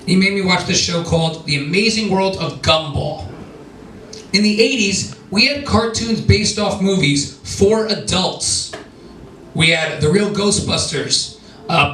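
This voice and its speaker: Bright-voiced young stand-up comic. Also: male voice, high-pitched, unhurried, a little hiss or hum. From New Jersey. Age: 20s. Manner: dry, self-deprecating delivery with hesitant restarts. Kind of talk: stand-up set. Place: small lounge comedy club. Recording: echoey club, taped from far off.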